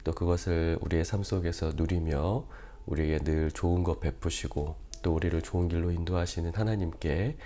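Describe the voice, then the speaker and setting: A male pastor with a weakened, quiet voice, leading an early-morning prayer service and reading scripture slowly and deliberately, with many "ah" pauses. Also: low-pitched, fairly even intonation, a little hiss or hum. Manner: measured, careful enunciation with frequent "ah" pauses. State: weak, quiet voice.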